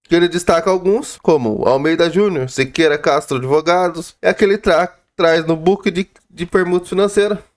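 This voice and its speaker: A man's voice: a little high, moderate pace, few pauses. A Brazilian man with a sore throat and a head cold, slightly slurred in diction, giving informal commentary on a financial report as a video host. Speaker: YouTube host reviewing real-estate funds.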